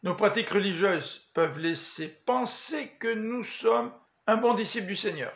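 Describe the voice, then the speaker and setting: A man giving a daily Bible meditation as pastor, in a measured, earnest preaching manner. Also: high-pitched, vocal fry, fairly bright tone. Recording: echoey room.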